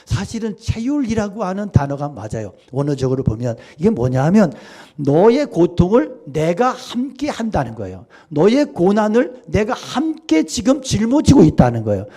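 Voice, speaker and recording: A man preaching a Sunday sermon, swinging from loud exclamations to hushed, intimate asides. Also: sits high, big pitch swings, husky. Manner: sings hymn lines slowly. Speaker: pastor.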